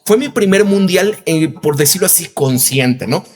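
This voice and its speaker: This commentary channel host, a Mexican man in his 30s with a Mexican Spanish accent, rambles casually and drops in tag questions. He sounds a little high-pitched and animated, and he talks at a moderate pace.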